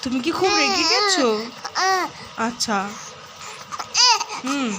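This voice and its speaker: A woman's voice: sits high, animated, slow pace. A woman vlogger talking to her baby in coaxing, sing-song baby talk, asking the same questions again and again. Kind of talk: baby talk in a home vlog. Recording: loud background noise.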